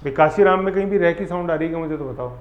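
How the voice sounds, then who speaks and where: A man teaching an exam-prep class, lively and full of memory tricks, often checking that students follow. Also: fairly high pitch, racing. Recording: roomy, dull lo-fi classroom sound.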